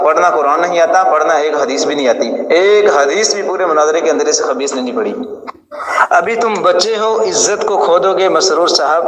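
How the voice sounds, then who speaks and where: A man's voice: fairly high pitch, fairly bright tone. A man, an Islamic scholar, giving a scornful, scolding polemical religious speech. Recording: echoey hall with long reverb.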